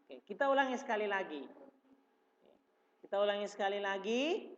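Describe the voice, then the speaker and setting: A male religious school teacher with an Indonesian accent, explaining slowly and patiently in class and repeating each phrase. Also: high-pitched, animated, fairly bright tone. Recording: dull reverberant room recording.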